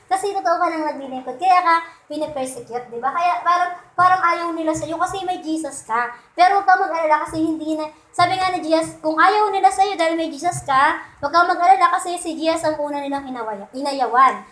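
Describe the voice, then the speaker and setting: A woman's voice: very high-pitched, a little fast, fairly bright tone, roomy sound. A woman preaching a Sunday sermon in a conversational way, often checking in with her listeners and acting out little quoted lines with humor. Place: church hall.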